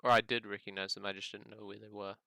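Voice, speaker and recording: Gravelly, crisp-voiced man rambling over a game. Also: lowish voice, flat delivery, fast talker, pushed and bright, no echo, studio quality. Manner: rambling, musing aloud, thinking as he plays. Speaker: gaming content creator and live streamer. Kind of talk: casual chat over gameplay.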